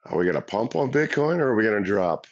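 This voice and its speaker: Deep, lively man in a voice chat. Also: fast talker. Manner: joking, crude, lively. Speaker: trader in a group voice chat. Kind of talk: casual group chat. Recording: dull lo-fi online call audio.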